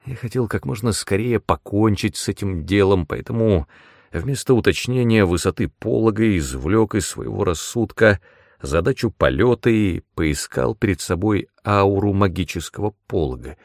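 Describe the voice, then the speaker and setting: A man narrating a fantasy audiobook in the first person with measured storytelling. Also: on the low side, expressive, creaky, dry recording, studio quality.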